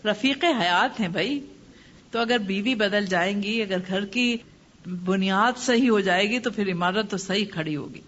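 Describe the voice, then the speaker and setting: A woman religious teacher giving a lecture and answering questions, advising gently through personal stories. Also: medium pitch. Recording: muffled lo-fi with faint hiss.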